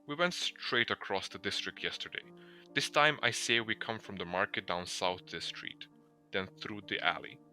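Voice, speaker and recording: A man reading a game's story aloud to friends in an expressive storybook manner. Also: fairly low pitch, moderate pace, soft background music. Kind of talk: reading game text aloud.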